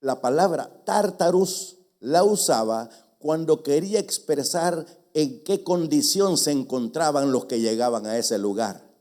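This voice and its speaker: An older man from El Salvador preaching in church with a mellow, warm tone. He teaches patiently, spells out words letter by letter and teases the congregation. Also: fairly high pitch. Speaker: pastor. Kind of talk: sermon.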